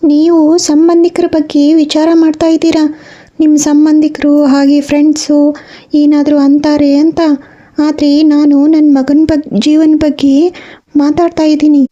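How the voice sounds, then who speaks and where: A woman's voice: high voice, level tone, measured pace, dark tone. A woman playing a caring middle-aged mother who soothes her son and argues for him. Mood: reasoning. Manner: soothing, reasoning, firm. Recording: slightly dull audio.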